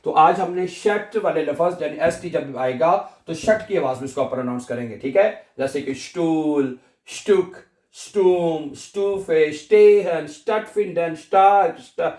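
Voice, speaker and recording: A man teaching a language lesson, repeating each word slowly and asking and answering his own questions. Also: fairly high pitch, a little mellow, reverberant.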